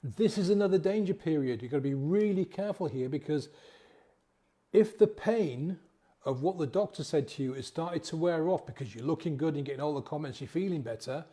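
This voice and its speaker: A coach talks straight to his listeners, chatty and conversational. His voice sits a little high but sounds mellow and soft. He keeps tagging his points with a quick "yeah?". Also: animated. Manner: conversational, acts out inner voices, frequent "yeah?" tags. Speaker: sobriety coach. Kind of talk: motivational talk to camera.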